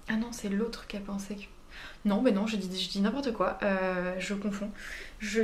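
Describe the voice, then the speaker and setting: A woman chatting casually in her knitting vlog, talking easily with many fillers and self-corrections. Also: mid-range voice. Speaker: knitting vlogger. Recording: roomy echo, faint background hum.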